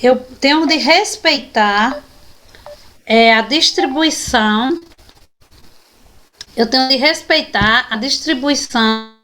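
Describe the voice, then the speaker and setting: A woman's voice: high-pitched, fairly bright tone. A woman with a Brazilian Portuguese accent teaching a sign language class, explaining patiently and often checking in with her students; she is tired after a long day. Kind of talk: online class lecture.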